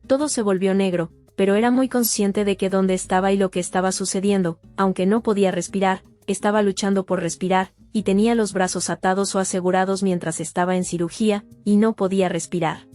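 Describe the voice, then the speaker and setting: A woman narrates a personal testimony in first person, her delivery steady and sober. Her voice sits at an ordinary middle pitch with a soft, mellow warmth. A faint plucked guitar plays underneath. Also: a little fast, hardly any pauses. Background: faint guitar music.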